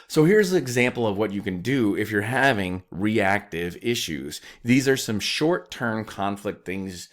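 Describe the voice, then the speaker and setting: Lively low-voiced man lecturing. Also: measured pace, few pauses. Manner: conversational, filler-heavy, acts out quoted exchanges in a high voice. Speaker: instructor. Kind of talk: recorded lecture.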